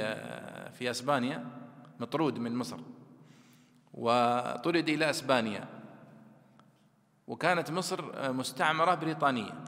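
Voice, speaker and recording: A man's voice: mid-range voice, sharp tone, long reverb tail. A man teaching a class on Quran commentary, explaining words at length and reciting classical verses and poetry. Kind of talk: classroom lecture.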